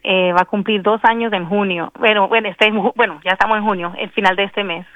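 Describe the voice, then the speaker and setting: A young woman with a soft Antioquian Colombian accent, calling in to a radio interview. She sounds polite and gracious. The sound is a tinny, dry phone line. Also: mid-range voice, fairly even intonation, fairly quick, no room sound. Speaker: guest singer.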